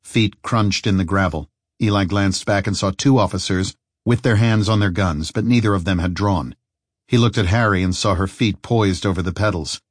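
Male audiobook narrator, lowish voice, steady even delivery, dry close recording. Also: normal speed, no echo. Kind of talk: scripted narration.

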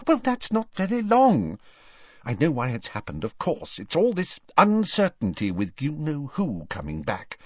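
A man's voice: fairly high pitch, wildly swooping pitch, measured pace, slightly rough, dry recording, pitched above the performer's own voice, heavily acted. A man voicing a cross, fussy middle-aged mother who talks in clipped, flustered bursts. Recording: dull lo-fi audiobook recording.

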